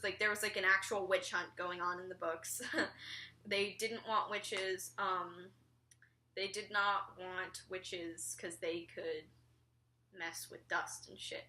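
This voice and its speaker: A teenage girl chats through a casual vlog with a bright, clear tone. She rambles, throws in lots of "like" and "um", and swears offhandedly. Her pitch sits in the middle for a woman. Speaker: vlogger.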